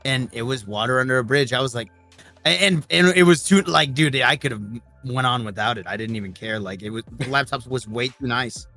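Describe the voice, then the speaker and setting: A man's voice: medium pitch, fairly quick, soft background music. A man, a podcast guest and streamer, telling stories in casual, profane chat. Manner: profane, animated storytelling.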